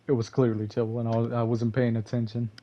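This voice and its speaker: A man's voice: mid-range voice, level tone, fast talker, mellow, dull audio. A man giving casual gameplay commentary, rambling and correcting himself, chuckling often.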